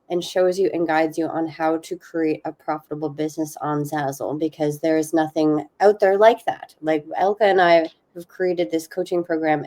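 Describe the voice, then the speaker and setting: Low, mellow-voiced woman presenting. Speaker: co-host, business coach. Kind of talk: explanatory presenting. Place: indoor room, on a video call.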